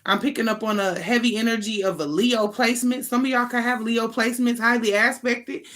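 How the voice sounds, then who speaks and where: This American woman, an online host, gives an informal, improvised tarot reading, talking emphatically and conversationally with slang and casual swearing. Her voice sits on the high side with a steady, fairly bright tone, and she speaks a little fast.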